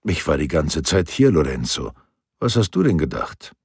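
A man's voice: rumbling low, sing-song, normal speed, vocal fry, a little mellow, breathy edge, no echo, studio quality, exaggerated voice. A man voicing a mild, fond old grandfather in an audiobook. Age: older. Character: gentle doting old grandfather.

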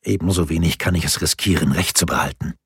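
A man voicing a calm, grave imprisoned nobleman in an audiobook, measured and sober. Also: deep voice, husky, dry recording, studio quality, pitched below the performer's own voice, full character voice.

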